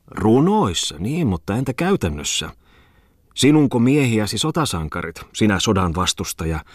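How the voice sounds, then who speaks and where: A man voicing a sarcastic, quick-tempered middle-aged judge in an audiobook. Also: mid-range voice, big pitch swings, no room sound, clean studio sound, pitched above the performer's own voice. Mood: mocking. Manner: mocking, indignant.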